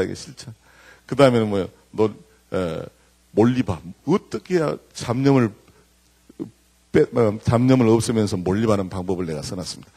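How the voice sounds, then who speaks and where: A middle-aged man speaks to a congregation in a gravelly, husky voice. He tells stories and acts out the voices of the people in them, with a mid-range pitch. He turns often to talk straight to the listeners. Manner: animated storytelling, acting out quoted voices; addresses the congregation directly. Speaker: guest speaker at a church service. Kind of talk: lively sermon-style lecture.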